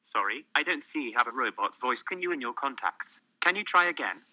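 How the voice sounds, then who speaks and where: A male-sounding text-to-speech phone assistant giving even, polite answers. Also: mid-range voice, fairly quick, low-quality recording. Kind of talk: synthetic assistant replies.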